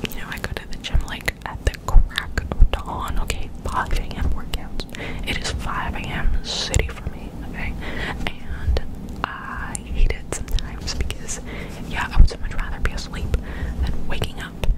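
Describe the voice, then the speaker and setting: A woman's voice: moderate pace, rough recording. Young adult female ASMR creator, chatty whisper right on the mic, tingly clicky mouth sounds. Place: small room at home, indoors. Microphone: large desk microphone up close, headphones on.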